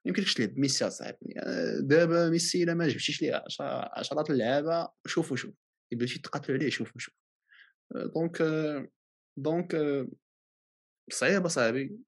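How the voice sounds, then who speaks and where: A man's voice: a little high, fast, slightly rough. A man with a Moroccan accent in a casual football debate, insistently repeating himself and dropping in many French phrases.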